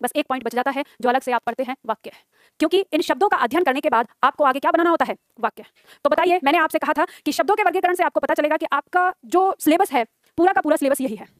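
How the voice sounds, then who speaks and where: A woman teaching Hindi grammar to a live class that is also streamed online, brisk, asking questions and answering them herself, with teasing asides to students. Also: sits high, animated, no echo, studio quality.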